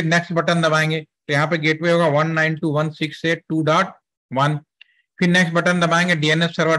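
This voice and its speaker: A man with a slightly high voice teaches a networking class. He explains things step by step in a chatty way, mixing English terms into his talk and checking now and then that the students are following. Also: a bit bright. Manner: asks students checking questions. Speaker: networking trainer. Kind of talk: classroom lecture with software demo.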